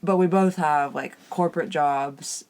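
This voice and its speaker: Female podcast co-host, Canadian, slightly husky, casual conversation recorded inside a small trailer. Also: deep voice, a little slow, darkish tone. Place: inside a small caravan with soft furnishings.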